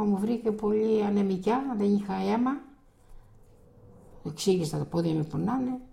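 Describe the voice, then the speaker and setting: An older woman telling a life story in a halting, rambling way, full of restarts and quoted dialogue. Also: mid-range voice, warm tone. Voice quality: gravelly. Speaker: interviewee. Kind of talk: oral history recollection.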